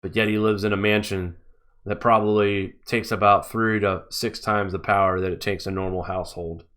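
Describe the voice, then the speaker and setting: A man hosts a live-stream news show and delivers sarcastic, mocking commentary. His voice sits a little low, and he talks in an offhand way. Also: level tone, moderate pace, fairly bright tone.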